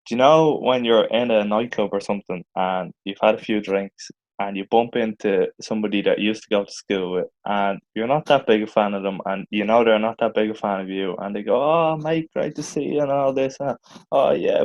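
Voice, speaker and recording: A man's voice: fairly low pitch, darkish tone, low-quality recording. A man co-hosting a casual sports podcast, talking in a laid-back way with dry jokes. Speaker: podcast co-host.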